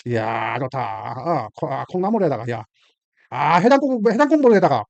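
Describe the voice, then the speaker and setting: A man's voice: medium pitch, very animated, moderate pace, gravelly, dry recording. A middle-aged man with a Gyeongsang Korean accent, hosting a casual cooking vlog, chatty and exclaiming, laughing often as he talks to viewers. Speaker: cooking channel host. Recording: dull lo-fi dry sound.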